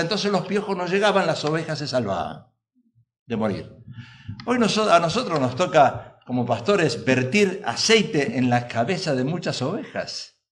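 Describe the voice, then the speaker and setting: A man's voice: a little high, fairly bright tone. A male pastor preaching a sermon in a church, emphatic and full of rhetorical questions to the congregation.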